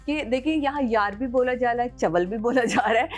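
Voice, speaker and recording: A woman on a drama review panel, chatting casually with lively enthusiasm. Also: on the high side, normal speed, soft background music. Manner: lively and enthusiastic, laughs while telling.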